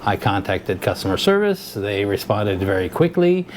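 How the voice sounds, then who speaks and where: Standing beside a vehicle and showing off its lights, a channel host gives a loose, relaxed product review packed with fillers. He speaks at a normal pace in a lowish, very animated voice, with a little hiss or hum in the audio.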